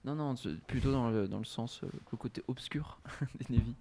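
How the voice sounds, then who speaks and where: A man talks casually on a podcast, chatty and informal, filling pauses as he explains. His delivery stays relaxed and conversational. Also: medium pitch. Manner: chatty, laughing, joking. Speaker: podcast co-host. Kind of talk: casual chat.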